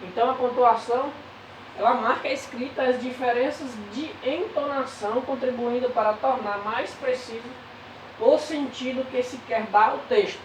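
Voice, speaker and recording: A Brazilian woman teaching a grade-school class, pausing with drawn-out fillers between phrases. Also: on the high side, far from the mic, slight background noise. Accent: Brazilian Portuguese. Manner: slow, hesitant, many drawn-out fillers. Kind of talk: recorded remote lesson. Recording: echoey room, voice off-mic.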